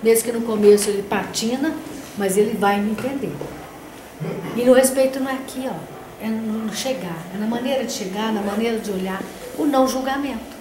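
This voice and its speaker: Older woman, slightly high voice, conversational storytelling, study group facilitator, echoey room, background noise. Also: a little fast. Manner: anecdotal, conversational, frequent "né?". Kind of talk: spiritist study group talk. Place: meeting room of a spiritist center. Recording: roomy echo with background noise.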